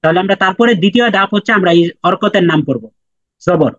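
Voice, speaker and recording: A man's voice: sits high, animated, quick pace, fairly bright tone. A man teaching Quran letter pronunciation in a lesson, patiently repeating each sound for students to echo. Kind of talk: online class lesson. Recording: dry, dull lo-fi sound.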